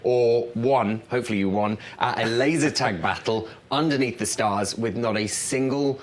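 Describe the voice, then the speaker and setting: A man's voice: mid-range voice, normal speed. A man working as a cruise director, speaking in an upbeat, effusive way in a conversational promotional interview. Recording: noisy with ambient background sound.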